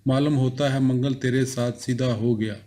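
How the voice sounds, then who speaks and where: A man reading a novel aloud, voicing a lively village woman who speaks in a teasing, exclamatory way. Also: mid-range voice, normal speed, close to an everyday voice.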